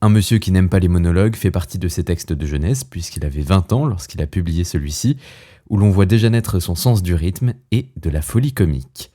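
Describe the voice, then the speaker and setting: Calm man introducing a podcast. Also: deep voice, fairly quick. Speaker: podcast host.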